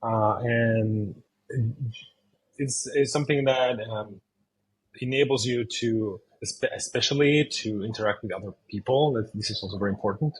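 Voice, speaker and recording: A man from Chile in his thirties, a video game designer answering interview questions in English, pausing often with fillers and restarts. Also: fairly low pitch, slightly rough, poor audio. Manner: hesitant, many fillers and restarts.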